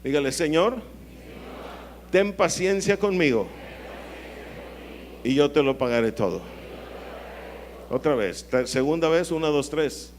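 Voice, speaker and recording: A man, preaching a sermon and drawing answers from the congregation, at times rising into a high, pleading voice. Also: lively intonation, normal speed, a little hiss or hum. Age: 50s. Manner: call-and-response with the congregation; dramatic swings into high pleading voice. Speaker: pastor.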